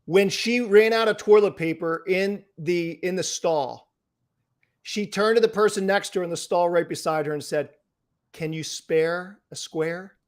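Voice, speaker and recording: A man's voice: high-pitched, moderate pace. A man who is a guest speaker, giving upbeat, punchy closing thoughts in a casual way.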